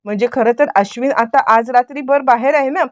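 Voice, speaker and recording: A woman's voice: high voice, a little fast, no echo, lo-fi sound, close to an everyday voice. A woman reading the lines of a stubborn, commanding elderly grandmother in her retelling. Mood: insistent. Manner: insistent, commanding.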